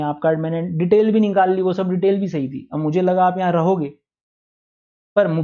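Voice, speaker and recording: A male teacher giving a classroom lecture, who keeps asking the class for quick answers. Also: sits high. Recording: dull lo-fi classroom recording.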